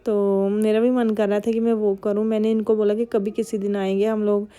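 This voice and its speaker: A woman's voice: medium pitch, little pitch movement, a little fast, dark tone, clear, resonant tone. A woman narrating a family vlog as a mother, chatty. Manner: chatty, scolding kids in quoted asides. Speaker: vlogger mother. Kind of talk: casual voice-over narration.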